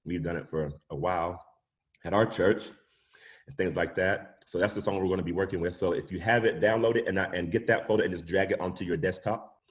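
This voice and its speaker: A man casually teaching a live online music software workshop over a video call, chatty and informal. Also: low voice, steady tone, fairly quick. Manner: casual, chatty, says y'all and yada yada. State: sucking a cough drop. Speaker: music production instructor.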